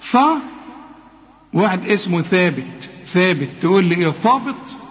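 A man with an Egyptian accent teaching Quran recitation rules, asking and answering his own questions and drawing words out slowly to demonstrate. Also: sits high. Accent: Egyptian Arabic. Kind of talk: tajweed lesson. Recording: reverberant, dull lo-fi recording.

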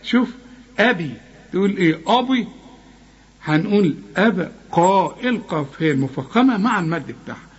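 Husky, high-voiced Egyptian recitation teacher. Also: male voice, expressive, brisk, lo-fi sound. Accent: Egyptian Arabic. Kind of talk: one-on-one recitation lesson.

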